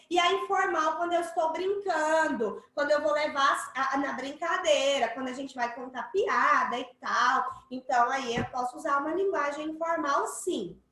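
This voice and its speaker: A woman's voice: high voice, a bit bright, reverberant, poor audio. Playful Brazilian woman teaching a class. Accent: Brazilian Portuguese. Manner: playful, acts out examples in shifting voices. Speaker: schoolteacher. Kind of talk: online class explanation to children.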